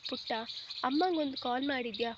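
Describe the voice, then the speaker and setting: A woman's voice: high voice, normal speed, dull audio, noisy background, natural voice. A woman voicing an affectionate middle-aged mother-in-law in a storybook reading, tender and soothing.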